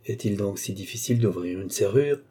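A cold shrewd magistrate, brisk and commanding, mellow dark tone with some huskiness, as an audiobook reader plays him. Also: male voice, fairly low pitch, breathy edge. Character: cold, shrewd police magistrate, middle-aged man. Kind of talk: audiobook reading.

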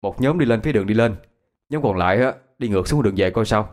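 A man's voice: on the low side, lively intonation, fast talker, a little mellow, natural voice. A man doing a decisive young planner.

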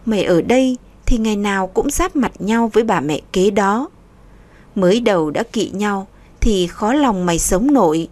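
A woman's voice: medium pitch, expressive, normal speed, a little mellow, lightly acted. A woman voicing a frank young woman who gives her friend blunt, lecturing advice.

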